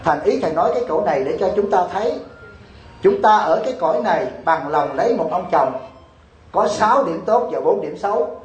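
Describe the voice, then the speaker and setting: A Buddhist abbot preaches with playful humor, keeps asking his audience questions, and slips into the voices of the people in his stories. His voice sits high for a man. The sound is roomy, as if recorded in a temple hall before a large crowd. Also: animated, fairly quick. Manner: joking, acts out quoted widows and husbands, quizzes the audience. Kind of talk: humorous dharma talk to a congregation.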